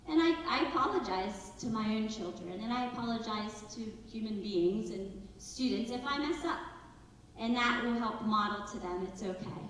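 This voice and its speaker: Speaking to parents at a school, this woman in her thirties talks earnestly and conversationally, now and then playing out family exchanges. Her voice sits on the high side. Recorded in an echoey auditorium from a distant mic, with slight background noise.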